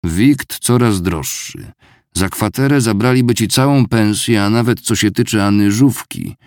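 A man's voice: lowish voice, measured pace, darkish tone, no echo, clean studio sound, pitched above the performer's own voice. A man voicing a gloomy old clerk who complains in a grumbling way. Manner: complaining, head-shaking grumble.

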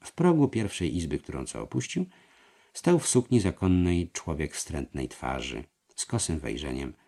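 Deep gravelly male narrator. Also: normal speed. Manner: dramatic, lively reading. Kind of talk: audiobook narration of a historical novel.

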